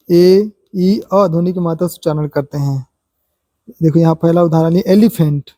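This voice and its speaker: A man gives a pronunciation lesson, working through numbered rules and saying each example word slowly, more than once. His voice is very dark and mellow. The recording is dry and close, with no room sound. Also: sits high, dry recording. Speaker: English pronunciation teacher. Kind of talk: explanatory spoken lesson.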